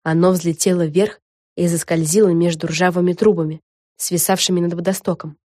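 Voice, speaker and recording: A woman narrating a children's storybook in an expressive, lively reading. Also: on the low side, a little fast, no room sound, studio quality. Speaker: audiobook narrator.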